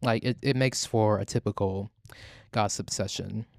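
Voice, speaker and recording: A man hosting a casual gossip podcast, rambling and halting, with "like" peppered through his sentences. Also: fairly low pitch, steady tone, creaky, no room sound, studio quality. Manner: rambling, halting, heavy use of "like". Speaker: podcast host. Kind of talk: casual celebrity gossip talk.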